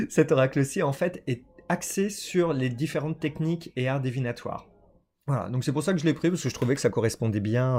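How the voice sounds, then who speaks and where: A man doing a casual oracle card reading for his viewers, talking hesitantly with many fillers and small laughs. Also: medium pitch. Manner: hesitant, many fillers, chatty and warm-toned about cards.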